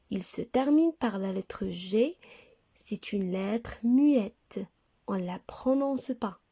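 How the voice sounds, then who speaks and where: A primary school teacher leads young children through a reading lesson, speaking slowly and clearly as she spells words out letter by letter. Her voice is medium-pitched and warm.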